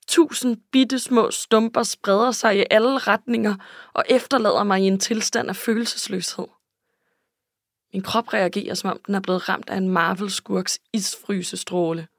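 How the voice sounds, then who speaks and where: A woman's voice: medium pitch, dry recording, studio quality. A woman reading a first-person novel aloud in an emotional, intimate way. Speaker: audiobook narrator. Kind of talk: scripted first-person narration.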